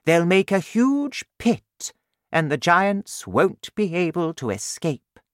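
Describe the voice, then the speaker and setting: A man's voice: high voice, very animated, slow pace, no echo, studio quality, pitched above the performer's own voice, heavily acted. A man voicing a firm, commanding queen in a storybook reading. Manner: commanding, decisive. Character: stately, firm human queen, woman.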